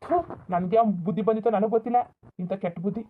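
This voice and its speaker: A furious young village man, voiced by a voice actor in a cartoon, scolding his family with bitter, shouted words. The audio is thin and tinny, like a phone line. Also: mid-range voice, fast talker, close to an everyday voice. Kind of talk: Kannada village cartoon dub.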